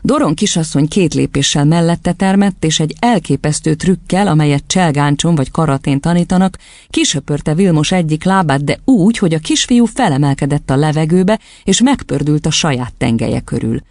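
A woman narrating an audiobook with a gravelly edge in her voice and a lively, varied pitch. Her telling is measured, and the sound is close and dry. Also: dry recording.

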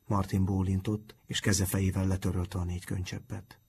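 Deep, very clear male storyteller. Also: little pitch movement, darkish tone. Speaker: audiobook narrator. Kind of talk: scripted storybook narration.

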